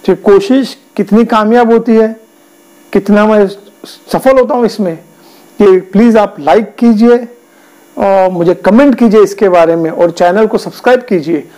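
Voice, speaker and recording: A travel vlogger narrates casually on a lapel mic, explaining things in a chatty way and mixing in English words. His high-pitched voice has a darkish tone and normal speed, and the recording is low quality.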